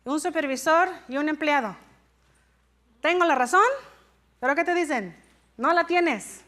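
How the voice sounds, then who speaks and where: A woman's voice: high voice, a little slow, a bit bright. A middle-aged woman leading a live workshop for supervisors, talking in an engaging way to a room of people, often asking them questions and dropping in short English phrases. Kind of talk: live workshop talk to an audience.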